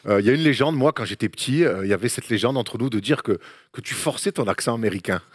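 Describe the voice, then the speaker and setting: A male interviewer speaking at a fast clip in a mid-range voice. He asks his questions quickly, restarting words as he goes. The sound is close and dry. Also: mid-range voice, lively intonation, breathy edge, dry recording. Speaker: interviewer, host.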